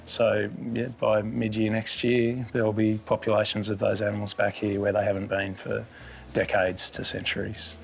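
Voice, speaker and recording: A man's voice: fairly low pitch, completely flat delivery, normal speed, gravelly. A man, a station manager, answering interview questions in an understated, matter-of-fact way.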